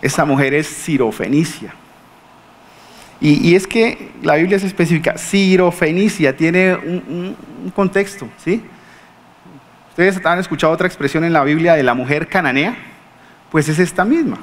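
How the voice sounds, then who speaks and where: A man preaching a sermon in a Colombian accent, telling stories lively and acting out the people he quotes, often asking the congregation questions. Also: a little high, normal speed. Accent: Colombian Spanish. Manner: animated storytelling, acting out quoted speakers.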